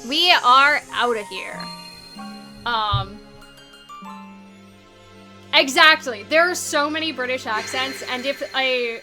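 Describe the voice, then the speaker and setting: A woman's voice: high-pitched, bright, forceful tone. A woman streaming a video game, chatting casually and rambling, with lots of fillers and restarts. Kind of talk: casual live-stream commentary. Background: game music.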